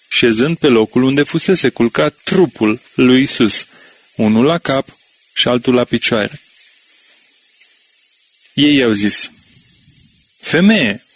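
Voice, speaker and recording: A man with a husky, slightly breathy voice reads scripture aloud. His delivery is steady and measured, with slow pauses between phrases. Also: medium pitch. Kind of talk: scripture reading.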